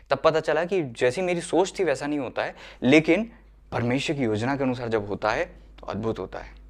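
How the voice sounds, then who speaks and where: Man preaching a sermon. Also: mid-range voice. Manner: earnest, mixes English phrases into preaching. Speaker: pastor.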